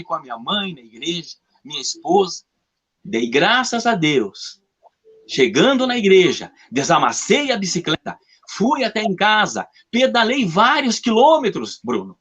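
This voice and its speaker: A man's voice: a bit bright, muffled recording. A man giving a fervent, repetitive testimony as a guest in a live interview. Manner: fervent, repetitive storytelling with dramatic pitch swings.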